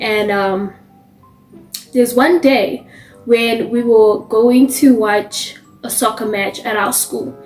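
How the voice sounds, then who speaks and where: A young woman from South Africa telling a casual storytime vlog, animated and acting out the quoted lines. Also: high voice. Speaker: vlogger. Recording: roomy with faint music behind.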